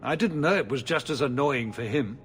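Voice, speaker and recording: A man's voice: medium pitch, lively intonation, moderate pace, a bit bright, soft background music, natural voice. A man playing a weary, rueful ruler in a video game, speaking in clipped, ironic phrases. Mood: weary irony.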